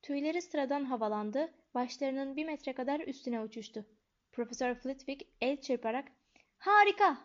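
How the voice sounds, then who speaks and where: A woman narrating a storybook in a calm, even reading voice. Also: high voice, normal speed. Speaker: audiobook narrator. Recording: dull lo-fi recording.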